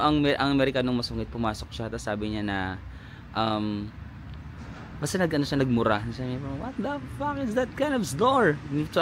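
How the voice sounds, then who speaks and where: A man's voice: on the high side, a little hiss or hum. A man, chatting animatedly in a casual travel vlog outdoors, laughing often. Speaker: travel vlogger. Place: outdoors in a lakeside village.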